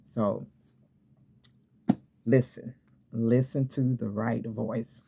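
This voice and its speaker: A man's voice: medium pitch, little pitch movement, drawn-out words, gravelly, dark tone, husky. A man preaching an informal sermon to camera, exhorting and repeating himself, often checking in with "okay?". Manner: repetitive, exhorting, with many restarts and "okay?" checks.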